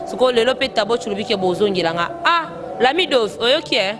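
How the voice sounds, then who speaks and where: A woman with a Congolese French accent in quick, emphatic casual chat, asking many questions. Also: on the high side, expressive, background noise. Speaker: fan discussing rumba music. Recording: loud music playing behind.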